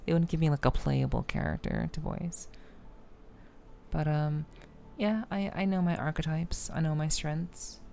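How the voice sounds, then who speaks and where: A playful, teasing woman streamer chatting casually while gaming, soft-spoken and often dropping toward a whisper. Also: sits low, fairly even intonation, measured pace, gravelly, slight background noise. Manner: playful, teasing gamer girl. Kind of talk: casual live-stream chat.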